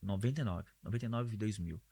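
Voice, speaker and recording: Husky man, podcast host, casual and chatty, slangy. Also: fairly low pitch, fast, mellow, soft background music. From Brazil (São Paulo). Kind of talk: casual conversational interview.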